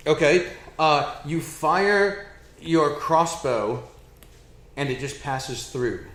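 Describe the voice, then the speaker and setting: A man running a tabletop game as game master, narrating off the cuff with halting, improvised phrasing. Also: a little high, lively intonation, fairly bright tone. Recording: echoey room.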